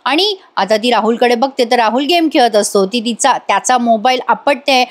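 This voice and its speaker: A woman's voice: fairly high pitch, moderate pace. A woman narrating a casual, chatty recap of a TV serial episode as a voice-over, talking straight to viewers. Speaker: TV serial reviewer.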